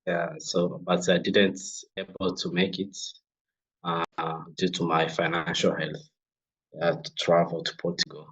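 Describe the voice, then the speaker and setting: Young congolese guy, really low voice, lots of uhs and restarts, muffled audio. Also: completely flat delivery, a bit bright. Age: young adult. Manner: halting, many fillers and restarts. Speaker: guest, refugee-led organization founder. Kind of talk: interview conversation.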